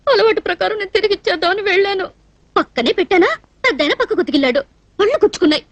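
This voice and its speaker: A woman's voice: very high voice, expressive, very fast, no echo, highs cut off. An actress playing a tearful, lovesick young woman in a dubbed film, pleading and near sobbing. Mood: rueful. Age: young adult. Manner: pleading, tearful, breaking into sobs.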